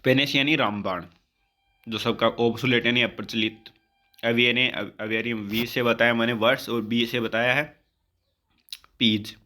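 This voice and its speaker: Male tutor, exam vocab lesson, slow drawn-out definitions, mid-pitched voice. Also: fairly even intonation, sharp tone. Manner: explains words in Hindi with slow drawn-out English definitions. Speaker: English vocabulary teacher.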